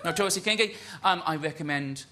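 A man's voice: on the high side, fast, pushed and bright, slight background noise. A man working as a live cabaret compere, chatty and self-mocking, with hesitant comic delivery. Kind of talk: casual comic stage introduction.

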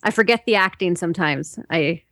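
A woman's voice: on the low side, fairly quick, fairly bright tone, no echo, studio quality. A young woman from Canada, a guest voice actor, talking hesitantly about her own audition. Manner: hesitant, self-reflective, laughs often.

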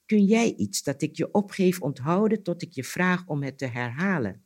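A man voicing a sly, boastful male spider trickster in a spoken folk tale, scheming and quick to anger. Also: animated. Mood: wheedling. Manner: scheming, then shrill and furious.

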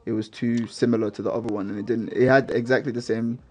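A man's voice: medium pitch, fairly even intonation, fast talker. A young man chatting casually in slang, with a laddish, rambling, bantering manner, as host of a music podcast. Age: young adult.

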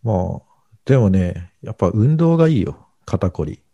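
Low gravelly man, dark and dry. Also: sing-song, moderate pace, no room sound, dull audio. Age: middle-aged. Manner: hesitant, rambling with many fillers. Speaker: podcast co-host. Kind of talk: casual podcast chat.

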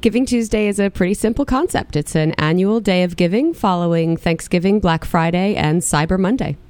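A woman's voice: fairly low pitch, a little fast, darkish tone, smooth, dry recording. A woman guest being interviewed in a studio, her voice scratchy from a recent illness, explaining at length with frequent fillers. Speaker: podcast guest.

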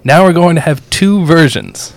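A man's voice: fairly high pitch, normal speed. A man who is a podcast guest in a studio, explaining earnestly with many fillers. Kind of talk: casual chat.

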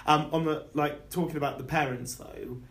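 A young man chats as a guest on a live podcast, rambling and poking fun at himself as his pitch jumps around. His voice sits a little high for a man. The room around him is echoey. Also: steady tone, moderate pace, a bit bright. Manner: rambling, self-deprecating, jumpy pitch. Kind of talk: live podcast chat before an audience. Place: live music venue room.

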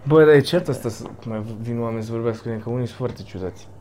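A man's voice: mid-range voice, crowd noise. A man chatting casually, laughing often and swearing freely. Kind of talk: casual chat.

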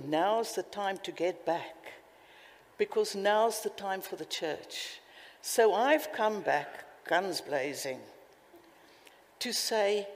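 Her voice medium-pitched and creaky, a South African woman delivers a fervent sermon, stressing her points and breaking into sudden loud lifts. The sound echoes through the church hall.

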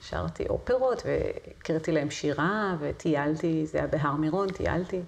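A woman's voice: low voice, gravelly. A middle-aged woman, a singer and voice teacher, telling her story as an interview guest, vivid and with hesitant fillers. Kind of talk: conversational interview.

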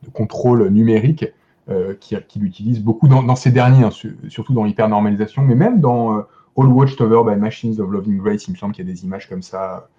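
A man with a low, mellow voice discusses cinema as a podcast guest. He talks with eager enthusiasm but keeps stumbling, repeating words and filling gaps. The recording sounds a little dull and lo-fi. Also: steady tone, brisk. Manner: hesitant, many restarts and fillers, enthusiastic. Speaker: guest film critic.

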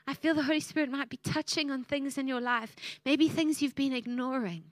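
A woman in her thirties gives a heartfelt, emotional sermon. Her voice sits high, and the sound is close and dry with little room around it. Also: fairly quick, dry recording. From South Africa. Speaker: preacher.

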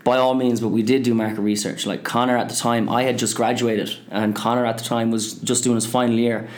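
A man's voice: mid-range voice, level tone, a little fast. A man in his twenties with a west of Ireland accent, chatting casually as an interview guest. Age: 20s. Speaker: interview guest, business co-founder.

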